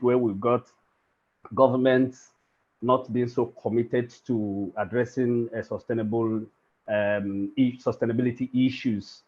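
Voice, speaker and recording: A man speaking as a panelist in a webinar, halting and often rephrasing as he goes. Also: medium pitch. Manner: halting, circling back to rephrase. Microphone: video call. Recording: lo-fi call audio.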